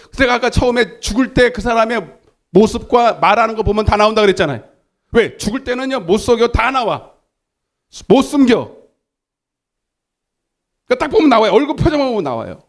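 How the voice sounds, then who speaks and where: A man's voice: expressive, fairly quick. A man pastor preaching a sermon in a church, emphatic, calling out for the congregation's responses. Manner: emphatic, swings pitch up and down. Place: church sanctuary.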